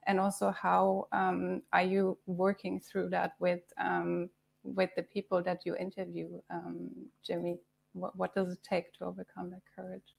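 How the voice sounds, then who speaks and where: Soft-spoken woman moderating a video panel. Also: lowish voice, monotone, unhurried, vocal fry, breathy edge. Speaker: host.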